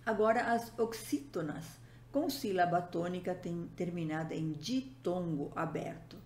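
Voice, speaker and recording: A woman teacher giving a recorded grammar lesson, speaking deliberately and listing example words one by one. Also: lowish voice, darkish tone. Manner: slow, deliberate, spells out letters and lists examples. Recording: roomy echo, faint background noise.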